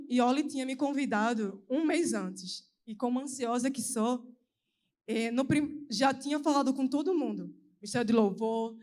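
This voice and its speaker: A young woman preaching at a youth service, giving an earnest, emotional personal testimony in a quick, anxious delivery. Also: a little high. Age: young adult.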